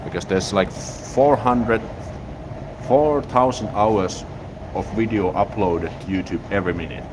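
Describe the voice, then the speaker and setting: Speaking at a measured pace in a low voice, this Finnish-accented YouTube streamer chats casually outdoors near a city train station and reads out viewer comments. His manner is relaxed and rambling, with frequent restarts, captured on a gimbal-mounted smartphone with street noise in the background.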